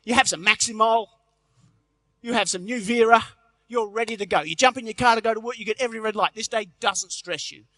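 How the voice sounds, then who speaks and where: A middle-aged Australian man works a big conference crowd with quick jokes and stories. His voice sits high and sounds bright and forceful. The sound is close and dry, with no room echo. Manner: jokey storytelling, punchy delivery. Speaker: motivational health speaker. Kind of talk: live conference speech. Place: large convention hall stage.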